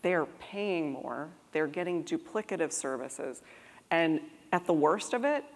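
A woman on a conference panel giving a measured, explanatory answer. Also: deep voice, animated. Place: conference stage in a large hall. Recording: long reverb of a large conference hall.

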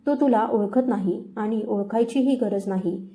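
A woman's voice: mid-range voice, moderate pace, warm tone, natural voice. A woman voicing a cold, vengeful young wife who speaks in a level, cutting tone.

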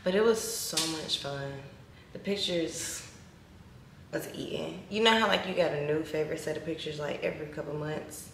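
A woman's voice: deep voice, normal speed, gravelly, slight background noise. Chatty woman in her twenties, echoey. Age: 20s. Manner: chatty, animated, uses slang. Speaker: vlogger. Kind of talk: casual vlog chat. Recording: echoey room, recorded from a distance.

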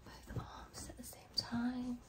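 A young woman doing a whispered role-play as a massage therapist, murmuring short, reassuring phrases to a client. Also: slow pace. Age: young adult. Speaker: ASMR performer playing a massage therapist. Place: small bedroom, indoors.

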